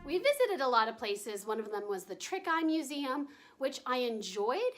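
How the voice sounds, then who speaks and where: A woman's voice: high voice, sing-song, faint music behind. Bubbly giggly young woman vlogging. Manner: bubbly, giggly, drawn-out enthusiastic gushing. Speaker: travel vlogger. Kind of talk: casual vlog narration.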